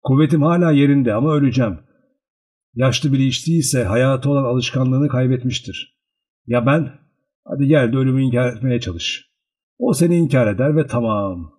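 A man's voice: medium pitch, moderate pace, a little mellow, breathy edge, natural voice. A man voicing a dying young man who is proud and sardonic, speaking in a dry, weary, mocking way. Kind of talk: audiobook character reading.

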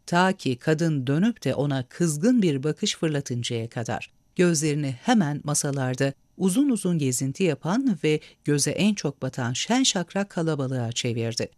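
A man narrating a story aloud with an expressive, measured reading. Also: a little high, no room sound, studio quality.

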